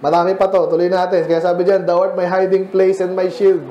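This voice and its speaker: A man's voice: sits high, little pitch movement, a little fast, echoey room, highs cut off, a little hiss or hum. A man with a Filipino accent preaching a sermon in a church, in a casual, joking style with frequent asides. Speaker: pastor.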